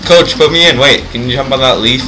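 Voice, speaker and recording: A man's voice: mid-range voice, fairly quick. A young man joking and punning in casual let's play commentary while playing a game. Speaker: gaming co-commentator. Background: game music.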